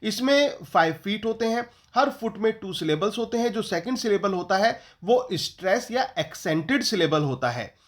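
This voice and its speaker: A male teacher with an Indian English accent gives an exam-prep lecture, slowly dictating English notes and then explaining them in Hindi with questions to the class. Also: high voice, lively intonation.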